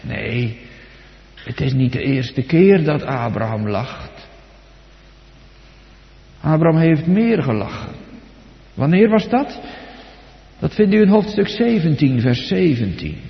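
A man preaching a sermon, dramatic and swinging between soft and loud, putting direct questions to his congregation. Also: on the high side, expressive, slow, creaky, long pauses. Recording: echoey hall, dull lo-fi sound.

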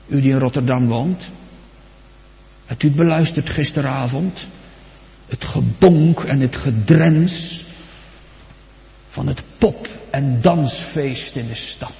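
A man preaching a sermon as pastor, slowly, with sudden rises to loud, high outcries and drops to near-whispers. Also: gravelly. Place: church. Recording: dull recording in a large reverberant church.

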